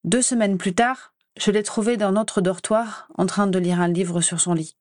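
A woman reading fan fiction aloud in a steady, expressive storytelling manner. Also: mid-range voice, normal speed, no room sound, clean studio sound. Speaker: story reader.

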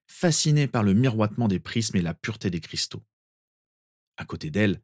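A man calmly narrating a story with a measured reading. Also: fairly low pitch, dry recording, clean studio sound.

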